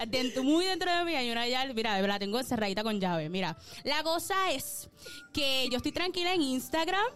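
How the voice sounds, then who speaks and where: A woman telling a story on a podcast in a casual, animated way, often laughing and calling out to her audience. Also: high voice, normal speed. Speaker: podcast co-host.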